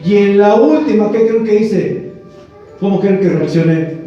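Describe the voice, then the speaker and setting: A man's voice: high-pitched, a little slow, dark tone, soft background music. A male pastor preaching a sermon, telling a story and asking the congregation rhetorical questions. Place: church hall. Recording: very echoey church hall, distant mic, dull sound.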